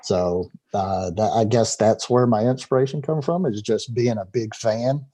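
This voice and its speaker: This middle-aged guest on a home video call interview has a fairly low, dark-toned voice and a measured pace. Still, he rambles talkatively, stumbling and repeating words, and laughs readily.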